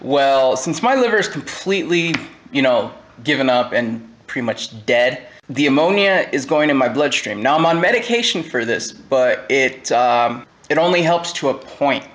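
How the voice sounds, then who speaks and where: Young man, vlog monologue, halting and candid, mid-pitched voice, pauses and fillers. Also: expressive, a bit bright. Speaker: vlogger. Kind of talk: personal monologue to camera.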